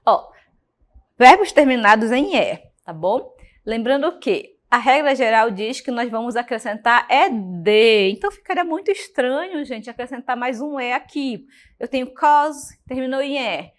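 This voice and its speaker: A woman's voice: fairly high pitch, expressive, unhurried. A woman with a Brazilian Portuguese accent teaching an English lesson, patient and checking in often with her students. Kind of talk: recorded class lesson.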